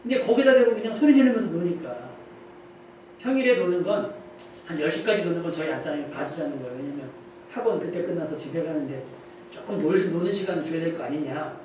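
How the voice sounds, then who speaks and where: A man's voice: sits high, a little mellow, a little hiss or hum. A male pastor preaching a sermon in a conversational way, posing questions to the congregation and answering them himself. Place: church sanctuary. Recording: echoey church hall, mic at a distance.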